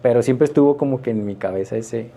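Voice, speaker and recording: A pastor, telling his personal testimony in an interview in an earnest, reflective, halting way. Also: mid-range voice, gravelly, mellow.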